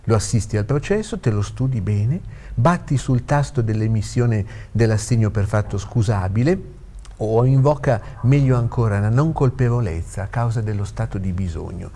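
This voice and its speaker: A man voicing an elderly, authoritative father who speaks in a measured, gently instructing way, in a read-aloud story. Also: on the low side.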